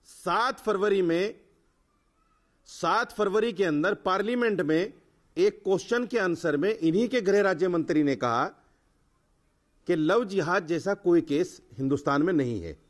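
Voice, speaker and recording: A man's voice: sits high, measured pace. A man arguing as a panelist in a heated TV news debate, talking over others to make his point. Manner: combative, talks over others.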